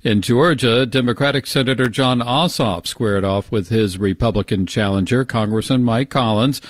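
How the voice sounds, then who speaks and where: A man's voice: mid-range voice, normal speed, no echo. An American man reading a scripted radio newscast as the anchor, close on a studio microphone. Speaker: news anchor. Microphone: close studio microphone, dry.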